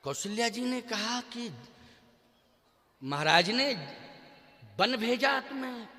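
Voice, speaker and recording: A man's voice: very high-pitched, animated, takes it slowly, bright, forceful tone, long reverb tail. An older man giving a devotional sermon to an audience, speaking emphatically, throwing rhetorical questions to the listeners and sometimes chanting verses in a sung tone. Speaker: spiritual teacher.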